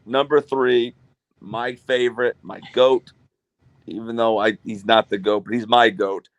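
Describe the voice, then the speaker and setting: A young man co-hosts a casual sports podcast in a dry, close-up sound at an ordinary middle pitch. He is blunt and excitable, swears now and then and talks up his favorite players. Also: a little slow, dry recording. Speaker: podcast co-host.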